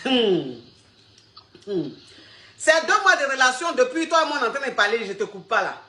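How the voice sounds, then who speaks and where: A woman's voice: a little high, big pitch swings, normal speed, bright, forceful tone, reverberant. A woman, coaching callers on a live stream in a crude, teasing, repetitive way and often laughing. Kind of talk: livestream advice chat.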